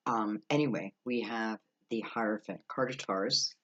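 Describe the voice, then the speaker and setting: A man giving an unscripted, mystical horoscope tarot reading, musing aloud with halting pauses and rhetorical questions. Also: on the low side, a bit bright, muffled recording. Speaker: tarot card reader.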